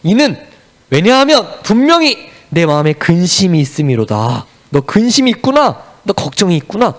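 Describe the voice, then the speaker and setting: Casting note: man doing a gracious old-world king, slow and stately, with a high, lively voice. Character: ancient Persian king, kindly and grand.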